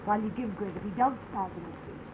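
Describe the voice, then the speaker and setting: A woman's voice: mid-range voice, fast, close to an everyday voice. An American actress playing a wisecracking, pushy young woman with gangster's-moll patter in a 1930s Hollywood film. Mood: sly, breezy. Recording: tinny, noisy 1930s film soundtrack.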